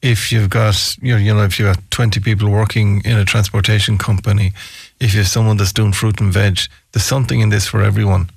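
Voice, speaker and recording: A man's voice: lowish voice, little pitch movement, brisk, creaky, slightly rough, dry recording, studio quality. A man with a west of Ireland accent hosting a conversational local radio interview, chatty and given to listing examples in repeated phrasing.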